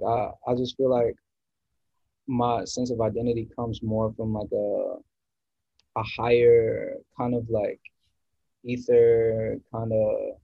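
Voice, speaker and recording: A man's voice: medium pitch, vocal fry, slightly rough, dry recording, dull audio. A man from the US East Coast, a guest musician in a casual podcast chat, rambling and searching for words with many restarts.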